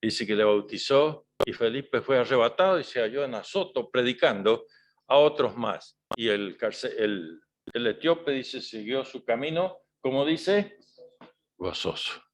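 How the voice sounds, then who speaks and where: A man's voice: mid-range voice, animated, unhurried, slight background noise. Man preaching with constant rhetorical questions. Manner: conversational preaching with frequent rhetorical tag questions. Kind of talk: sermon.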